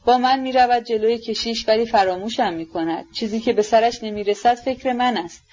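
A woman's voice: on the high side, darkish tone, lightly acted. A woman voicing a jealous, brooding young man. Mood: bitter. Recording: dull lo-fi recording.

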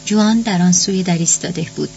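A woman reading a novel aloud as a measured audiobook narrator. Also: lowish voice, vocal fry, darkish tone. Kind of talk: scripted narration. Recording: dull lo-fi audio with hiss.

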